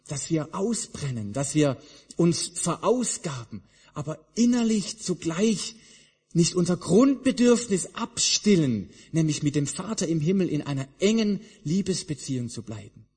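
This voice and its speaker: A man preaching in a church hall, with a somewhat high, husky voice. He is emphatic, and his voice rises and drops through repeated phrases. A long reverb trails behind every line. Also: expressive, measured pace, a little mellow. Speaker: pastor. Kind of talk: sermon.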